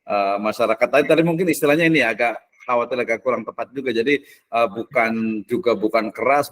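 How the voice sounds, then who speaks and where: A male host runs the conversation casually, pausing often and hesitating between phrases. His voice is mid-pitched and unremarkable. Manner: relaxed, hesitant, with many fillers. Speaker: host, moderator. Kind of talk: casual talk-show moderating.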